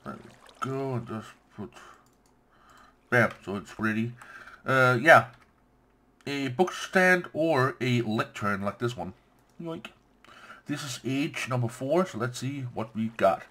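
A man giving casual let's-play commentary on his game, playful and quick to gush with delight. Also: medium pitch, animated, sharp tone. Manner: playful, gushes with delight, says "yoink" and "bam". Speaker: gameplay commentator.

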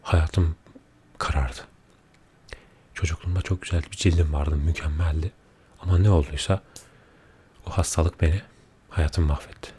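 A man with a very deep, dark and mellow voice talks softly, as if keeping quiet at night. It is an unhurried, confiding ASMR chat that often sinks close to a whisper, with a little noise behind it. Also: steady tone. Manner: quiet, low murmur at night, often dropping near a whisper. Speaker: ASMR video creator. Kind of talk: soft-spoken ASMR chat. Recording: audible background noise.

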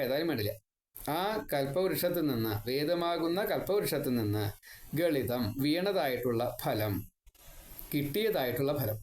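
Older male teacher, recites verses slowly and explains fast; light voice, echoey room. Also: fairly high pitch, darkish tone. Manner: chants Sanskrit verses slowly, then explains quickly. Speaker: Bhagavatam teacher. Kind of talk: religious discourse, explaining Sanskrit verses.

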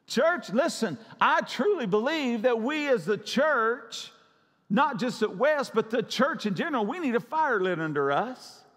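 A man's voice: very high-pitched, very animated, measured pace, a bit bright. A man preaching a sermon as pastor, urgent and repetitive, pressing his listeners. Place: church sanctuary. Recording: long church hall reverb.

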